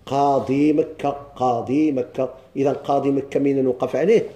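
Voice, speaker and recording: A man with a Moroccan Arabic accent teaching a grammar lesson. He reads lines of a text slowly, asks the class questions and answers them himself. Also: medium pitch, steady tone, dark tone.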